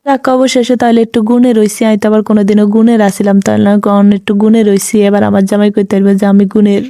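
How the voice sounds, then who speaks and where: A woman's voice: medium pitch, flat delivery, fast, warm tone, no echo. A woman with a Chandpur Bengali accent narrating her home cooking video in a chatty, rambling, self-deprecating way. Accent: Chandpur Bengali dialect. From Bangladesh. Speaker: cooking vlogger. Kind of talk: casual voice-over narration.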